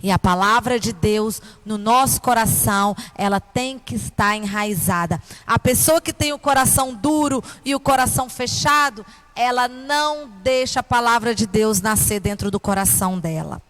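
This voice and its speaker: A woman's voice: a little high, normal speed, a bit bright. A woman with a Brazilian accent teaching a children's Bible lesson in a kindergarten teacher voice, with simple explanations and questions put to the children.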